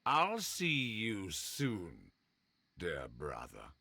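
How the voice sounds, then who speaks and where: Gravelly, imperious Mycroft Holmes. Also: male voice, low voice, wildly swooping pitch, extremely slow, bright, forceful tone, no echo, exaggerated voice. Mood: haughty. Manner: haughty, commanding. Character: imperious, dismissive gentleman, detective's elder brother. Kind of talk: video game voice acting.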